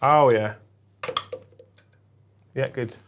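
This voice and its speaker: A man's voice: medium pitch, drawn-out words, background noise. A man hosting a tabletop wargame, chatting and teasing his opponent in casual banter. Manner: jokey and teasing, bursts into loud mock shouts. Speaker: tabletop wargame player and channel host. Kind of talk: casual banter during a game.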